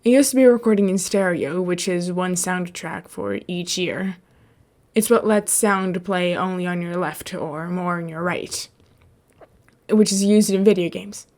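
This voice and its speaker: Her voice is lowish and darkish, her pace a touch slow, as she reads podfic aloud in an easygoing narrative style with offhand commentary.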